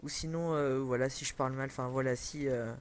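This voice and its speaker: A man's voice: mid-range voice, steady tone, a little fast, clear, resonant tone. A young man commenting casually on a video game over a headset, rambling with many fillers and self-corrections. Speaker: gaming commentator.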